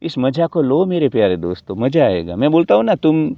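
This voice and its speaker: A man delivering a sarcastic, preachy motivational monologue, swinging between loud outbursts and low mutters. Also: big pitch swings, fairly quick, no room sound. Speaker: motivational video creator. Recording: dull dry recording.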